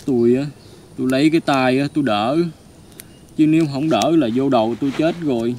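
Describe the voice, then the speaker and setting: A man's voice: medium pitch, brisk, a little mellow, a little hiss or hum. Earnest Southern Vietnamese man telling a story. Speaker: storyteller recounting a family tragedy. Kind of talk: casual spoken storytelling.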